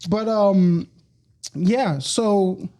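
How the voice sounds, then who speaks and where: High-voiced laid-back young man chatting. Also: very slow, dark tone. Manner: laid-back, laughs often, many fillers. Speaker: podcast guest. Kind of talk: casual chat.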